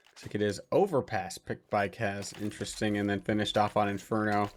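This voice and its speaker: A man giving live play-by-play commentary on an esports match and joking with his co-caster. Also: on the low side. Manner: quick excitable play-by-play, jokes with co-caster.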